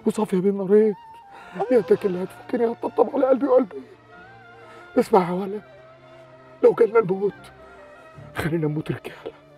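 A man's voice: high voice, quick pace, pauses often, dark tone, soft background music, lightly acted. An actor playing a frantic pleading young man. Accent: Egyptian Arabic. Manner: urgent, pleading, emotional. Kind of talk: Egyptian TV drama acting.

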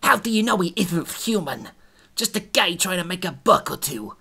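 A man's voice: very high-pitched, unhurried, sharp tone, pitched above the performer's own voice, exaggerated voice. A woman voicing a male shark demon thug who drawls and taunts in a put-on accent. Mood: taunting.

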